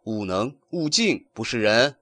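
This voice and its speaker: Man voicing a stern monk master, low curt scolding, slow and heavy, dry. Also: sing-song, a bit bright, no echo. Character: stern, weary male Buddhist monk master.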